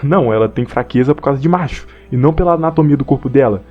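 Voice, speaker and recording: Fast-talking Brazilian young man. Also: medium pitch, muffled recording, faint music behind. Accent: Brazilian Portuguese. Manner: slangy, rambling, reads from notes. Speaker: anime commentator. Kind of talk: casual opinion monologue.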